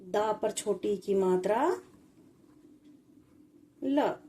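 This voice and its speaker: A woman's voice: medium pitch, lively intonation, very slow, warm tone. A woman teaching children a spelling lesson, patiently spelling out syllables one at a time.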